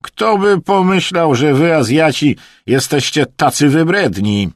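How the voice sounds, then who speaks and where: A man voicing a brash, mocking Russian camp cook with a Russian accent, drawing his words out loudly. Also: medium pitch, sing-song, gravelly, dry recording, studio quality, pitched above the performer's own voice, heavily acted. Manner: mocking, drawn-out and shouting.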